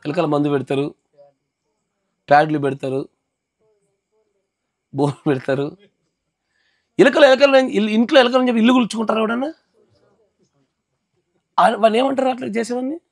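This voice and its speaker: A man's voice: high-pitched, moderate pace, long pauses, no echo, clean studio sound. A male pastor giving an emphatic sermon at a house gathering, often checking that his listeners follow.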